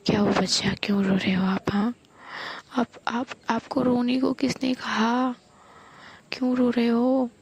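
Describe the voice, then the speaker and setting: A woman's voice: mid-range voice, fairly even intonation, normal speed, husky. A woman voicing a bold, hot-tempered young woman in love who snaps in anger and then teases. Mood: tender. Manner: sharp and bold, then teasing.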